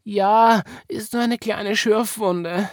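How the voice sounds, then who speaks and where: A man voicing a brave, cheerful little girl in a children's story, with a high, eager childlike voice and an Austrian accent. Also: fairly even intonation, slow, dry recording, studio quality. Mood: worried.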